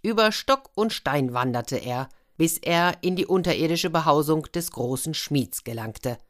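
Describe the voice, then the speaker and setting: Low-voiced woman telling a fairy tale. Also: lively intonation, measured pace. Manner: chatty, with asides to listeners. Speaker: storyteller. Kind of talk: reading a fairy tale aloud.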